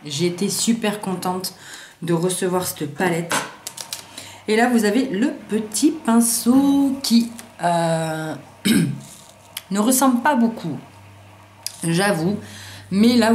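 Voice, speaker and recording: A woman doing a casual makeup haul video, talking in slangy, excitable bursts and swearing freely as she tests colours and trips over English names. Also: mid-range voice, slow pace, long pauses. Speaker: beauty vlogger. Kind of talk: casual haul review with swatches. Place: sunny room at home. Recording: roomy echo, faint background hiss.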